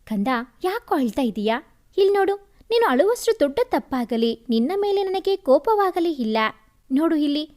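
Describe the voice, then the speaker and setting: A woman voicing a gentle, teasing young husband. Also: high-pitched, big pitch swings, normal speed. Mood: soothing. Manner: gentle, playful and soothing.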